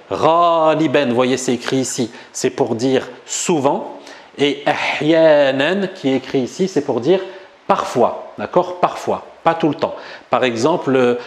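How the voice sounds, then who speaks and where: French-accented guy teaching at a whiteboard, chatty, jokey, says words slow and repeats em. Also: mid-range voice. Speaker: Arabic teacher. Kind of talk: relaxed spoken lesson. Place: room with a whiteboard.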